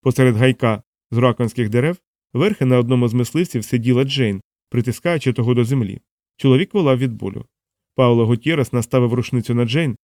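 A man reading a first-person novel aloud in a measured, steady voice. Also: medium pitch, no room sound, studio quality. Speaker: audiobook narrator. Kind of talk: first-person audiobook narration.

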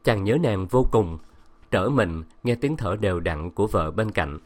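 A man's voice: lowish voice, expressive, a little slow. Man reading a story steadily. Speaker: narrator. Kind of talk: scripted audiobook narration.

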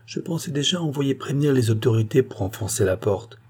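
A man's voice: medium pitch, lively intonation, a little fast, darkish tone, husky, pitched above the performer's own voice. A man doing a teasing, ironic young hostess. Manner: dryly ironic, mock-serious. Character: teasing young lady of the house.

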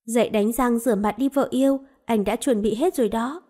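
A woman's voice: a little high, fairly quick, mellow, lightly acted. A woman reading a doting young man. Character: tender doting young man, the male lead.

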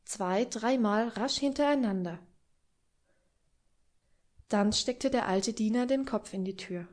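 A woman narrating an audiobook in a calm, measured reading. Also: on the high side.

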